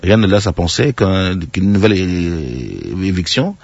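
A man gives political analysis as a radio guest, measured and hesitant, often repeating words. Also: low voice, big pitch swings, vocal fry, husky, no room sound. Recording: dull, muffled, dry sound.

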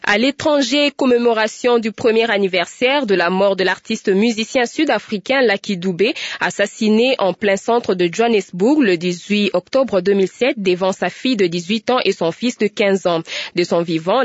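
A woman's voice: mid-range voice, no room sound. Woman reading radio news. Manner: steady formal delivery. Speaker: news anchor. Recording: dull lo-fi radio broadcast.

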